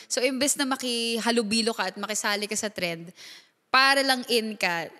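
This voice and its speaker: A woman's voice: fairly high pitch, moderate pace, long reverb tail. A woman with a Filipino accent co-hosting a podcast, chatting casually and laughing often. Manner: animated, laughs often, mixes languages. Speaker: podcast co-host. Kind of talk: casual chat.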